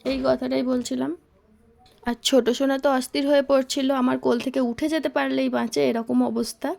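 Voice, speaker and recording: A woman's voice: sits high, flat delivery, normal speed, vocal fry, a little mellow. A young woman, casually narrating her day of household chores as a mother, recorded on a phone. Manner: chatty, homely narration of daily chores. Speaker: vlogger, mother.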